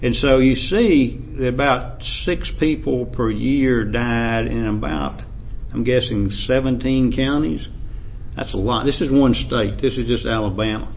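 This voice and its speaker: Appalachian man lecturing on a dull recording. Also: mid-range voice. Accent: Appalachian American. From Appalachian United States. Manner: measured, hesitant, with frequent throat-clearing. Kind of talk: informal academic lecture. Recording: dull lo-fi sound, faint background noise.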